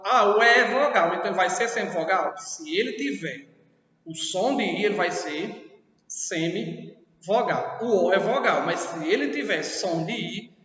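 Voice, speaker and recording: A Brazilian man with a high voice teaches a class, explaining step by step and pausing to check understanding. He sounds far from the microphone in a boomy, reverberant room. The recording is dull and lo-fi. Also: a bit bright. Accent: Brazilian Portuguese. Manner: explanatory, asks checking questions often. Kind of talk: classroom lesson. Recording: echoey distant lo-fi room recording.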